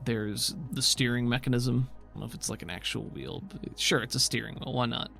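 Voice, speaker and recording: A man runs a tabletop roleplaying game as game master, blending descriptive scene-setting with casual asides. His voice is medium-pitched, sharp and fry-tinged, and a little fast, with music in the background.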